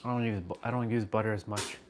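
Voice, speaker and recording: A Canadian-born man hosts a live stream from his home kitchen, chatting casually as he cooks and answers viewer questions. His voice is on the low side with fairly even intonation and a quick pace, and there's slight background noise.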